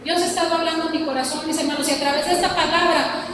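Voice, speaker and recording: A middle-aged woman preaches an earnest sermon in a high voice. Her words ring through a very echoey church hall, picked up from far off with clear background noise. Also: steady tone, rapid-fire. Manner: earnest, exhorting, addresses congregation as "mis hermanos".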